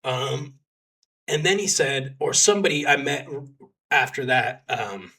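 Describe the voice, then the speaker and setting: A young Texan volunteer combat medic tells his story at a measured pace, his medium-pitched voice carrying a breathy edge. The telling is casual and rambling, heavy on fillers, and animated when he quotes others.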